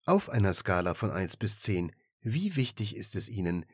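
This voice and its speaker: A businesslike woman travel agent, as a male narrator puts her on, runs through her questions politely, with a slightly patronizing lift. The voice sits a little above a low male reading voice, and the recording is dry and close. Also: big pitch swings, moderate pace, slightly rough, no echo. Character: brisk professional woman travel agent on the phone. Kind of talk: audiobook reading.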